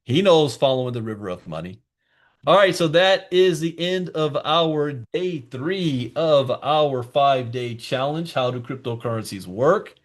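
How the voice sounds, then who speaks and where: A man's voice: fairly high pitch, expressive, a little slow. A man hosting a live online crypto class, talking in a chatty, emphatic way with asides to his viewers. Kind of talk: live online teaching session.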